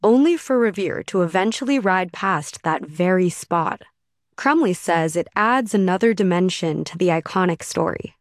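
A woman reporter narrating a radio feature story in a steady, measured way. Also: lowish voice, no echo, clean studio sound.

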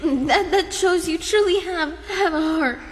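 Sad little girl, super high, slow stammery teary talk, audio drama, echoey. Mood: tearful, homesick. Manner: stammering, halting. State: tearful. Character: homesick, tender young girl, tearful and earnest. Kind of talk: theatrical audio drama acting. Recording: long hall reverb.

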